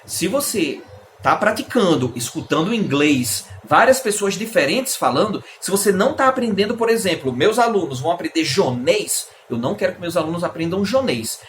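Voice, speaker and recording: Lively Brazilian man teaching. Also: high voice, moderate pace, slight background noise. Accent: Brazilian Portuguese. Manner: lively explaining, asks and answers his own questions. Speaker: English teacher. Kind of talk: casual video lesson.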